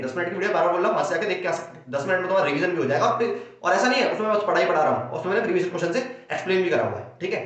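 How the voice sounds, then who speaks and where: A young man with an Indian Hindi accent teaching a fast exam-prep maths lesson, repeating himself and playing out his students' questions before answering them. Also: sits high, fairly bright tone. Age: young adult. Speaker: maths tutor. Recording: very echoey, dull lo-fi room sound.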